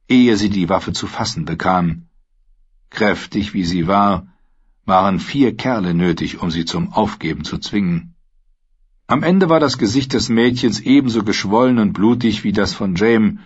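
Husky, low-voiced male narrator. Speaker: audiobook narrator. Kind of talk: scripted fantasy narration. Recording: dull lo-fi recording.

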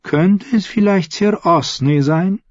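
A man's voice: high-pitched, slow pace, no echo, pitched above the performer's own voice. A man reading an audiobook and voicing a sly, teasing court lady. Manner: playful, teasing. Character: sly, giggling court lady, a grown woman. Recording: slightly dull, dry recording.

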